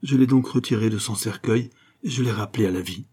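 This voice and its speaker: A man's voice: lowish voice, fast, warm tone, breathy edge. A man reading a solemn anguished avenger. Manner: earnest, solemn, pleading. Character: anguished young avenger son, torn by conscience. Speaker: audiobook reader. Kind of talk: dramatic audiobook reading.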